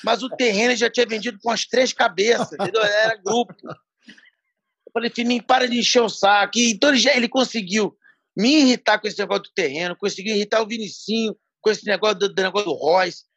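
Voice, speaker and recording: A high-voiced man tells a story in a slangy, profane, lively way. His voice is husky and sits dry and close, with no room sound. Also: fast, dry recording. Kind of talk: casual storytelling.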